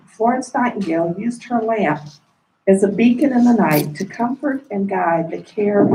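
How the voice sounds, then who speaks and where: A woman giving a formal, measured welcome speech as a dean, her voice coming through a face mask. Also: mid-range voice, dark tone. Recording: roomy echo, distant mic.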